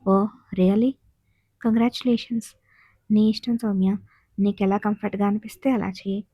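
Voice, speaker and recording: A woman's voice: medium pitch, steady tone, normal speed, mellow, no echo, highs cut off, close to an everyday voice. A woman voicing a polite male office manager in a story, speaking in a mild, courteous way.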